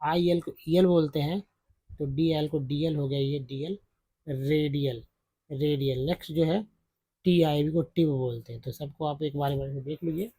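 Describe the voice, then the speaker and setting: A man gives a spelling and pronunciation lesson, patient and repetitive as he goes over each sound. His voice sits a little high but has a mellow, soft tone. The recording is dry and close, with no room sound. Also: steady tone, moderate pace, slightly rough, no room sound. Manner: patient, repeats each sound several times. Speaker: English teacher.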